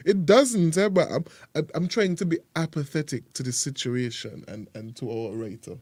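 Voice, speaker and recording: A man co-hosting a casual talk show, reasoning through his points in a measured, conversational way. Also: fairly high pitch, a little mellow, breathy edge, no echo. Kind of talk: casual panel chat.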